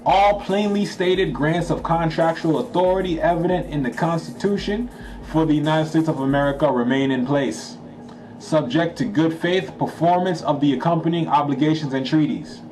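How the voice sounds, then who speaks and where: This man from Haiti, a Creole-speaking channel host, has a rather high voice with a darkish tone and speaks at normal speed over poor audio. He reads a document aloud, pausing for casual, emphatic explanations, slangy remarks, and check-ins with his audience.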